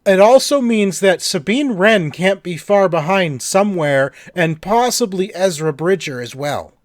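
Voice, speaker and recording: A man's voice: sits high, expressive, measured pace, no echo, studio quality. A man co-hosting a podcast, chatting casually and enthusiastically, with many fillers and restarts. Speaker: podcast co-host. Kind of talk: casual chat.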